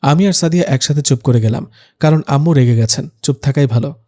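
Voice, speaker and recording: Mellow young man narrating a story. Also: mid-range voice, fast talker. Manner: gentle, storytelling, light humor. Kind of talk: first-person story narration.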